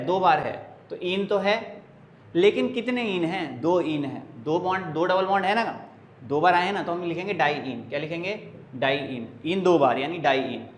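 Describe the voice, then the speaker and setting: Man teaching chemistry in an echoey room. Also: on the high side. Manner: asks questions and answers them himself, counts carbons aloud. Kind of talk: classroom lecture, explaining step by step. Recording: echoey room with faint background hiss.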